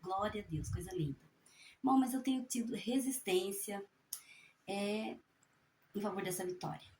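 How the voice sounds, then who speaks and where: Her mid-range voice a little mellow and echoing, a woman evangelical preacher delivers a prophecy through passionate testimony before reading from scripture. Folksy in manner, she ends sentences with small questions, and her reading halts with stumbles and self-corrections.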